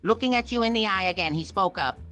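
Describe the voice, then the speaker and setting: A woman reading a chatbot's story text aloud in an even, storybook way. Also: medium pitch, quick pace, soft background music.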